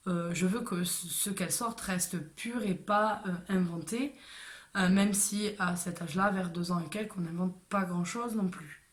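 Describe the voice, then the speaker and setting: A woman telling a personal story to camera in a casual way, hesitant with many fillers and restarts. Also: mid-range voice.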